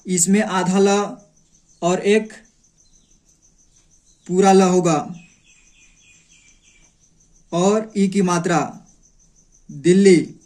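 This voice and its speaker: A man with a fairly high voice teaches the script slowly, breaking words into syllables and saying each sound several times. He speaks unhurriedly and patiently, pausing between short phrases. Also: a little mellow. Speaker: Hindi teacher. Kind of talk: slow step-by-step lesson.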